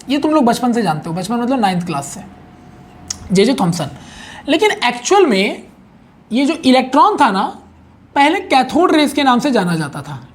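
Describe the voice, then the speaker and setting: A male chemistry teacher giving a casual online exam-prep lecture, chatty, repeating key points and checking in often with his students. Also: extremely high pitch.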